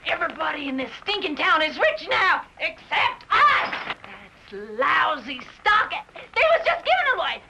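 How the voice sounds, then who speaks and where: Shrill nagging frontier wife. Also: female voice, sing-song, measured pace, gravelly, hardly any pauses, heavy background noise, exaggerated voice. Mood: scolding. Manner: scolding, shouting. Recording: old film soundtrack with loud music.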